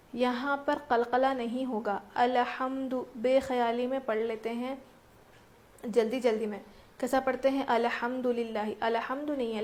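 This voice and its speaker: Lady teacher going over tajweed rules, fairly high voice, pretty monotone, asks herself questions then answers. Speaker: Quran recitation teacher. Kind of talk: tajweed lesson.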